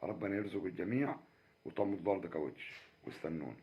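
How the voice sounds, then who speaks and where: Egyptian man, Egyptian Arabic accent, deep and rapid, chatty outdoor vlogger on a muffled lo-fi recording. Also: expressive, slight background noise. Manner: chatty, keeps addressing viewers with pious exclamations. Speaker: fishing vlogger. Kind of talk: casual fishing vlog commentary. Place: outdoors on a Nile riverbank.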